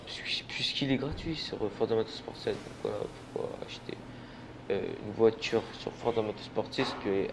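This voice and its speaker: A man's voice: medium pitch, a little mellow. Tired young man stumbling over his words. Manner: stumbling, rambling, swears often. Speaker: gaming channel host. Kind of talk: casual gameplay commentary. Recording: noisy, racing game engine sounds behind. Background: racing game car and engine sounds.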